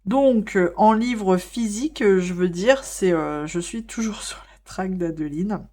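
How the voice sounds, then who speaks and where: A woman's voice: mid-range voice, a little slow, darkish tone. A woman chatting casually in a vlog while coloring, with lots of fillers and hesitations, laughing now and then. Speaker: vlogger.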